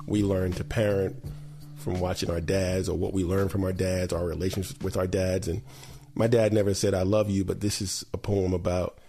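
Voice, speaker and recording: A man's voice: deep voice, flat delivery, moderate pace, warm tone, faint music behind. A middle-aged man hosting a podcast, telling stories with animation and emphasis and reading a poem aloud. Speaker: podcast host. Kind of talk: conversational storytelling and poetry reading.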